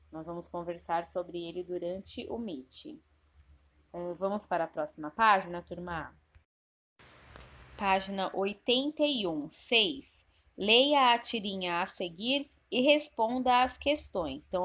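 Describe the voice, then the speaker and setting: Woman teacher, unhurried recorded lesson for young children, patient and repetitive. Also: medium pitch. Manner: patient, repeats instructions with frequent checks; spells sounds slowly and clearly. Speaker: primary school teacher. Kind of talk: recorded remote class lesson.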